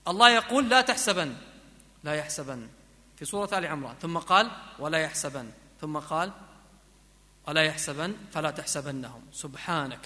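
A man preaching a sermon, chanting verses slowly and moving between soft pleading and emphatic exhortation. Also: on the high side, lively intonation. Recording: long hall reverb.

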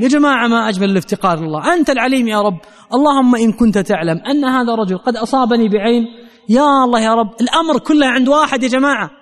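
High-voiced preacher, echoing hall. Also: male voice. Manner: earnest, addresses the crowd directly. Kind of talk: sermon with storytelling.

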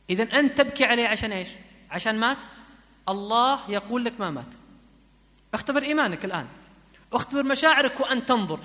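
Preacher man, bright and high. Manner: chants verses slowly, shifts between soft pleading and emphatic exhortation. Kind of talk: sermon with chanted recitation. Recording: long hall reverb.

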